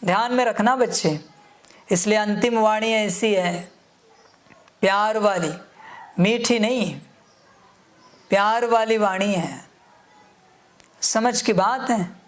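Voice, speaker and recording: A woman delivers a devotional discourse at an unhurried, measured pace, speaking to her listeners as beloved children. Her tone is admonishing, and she keeps circling back to reminders to pay attention. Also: medium pitch. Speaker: spiritual teacher.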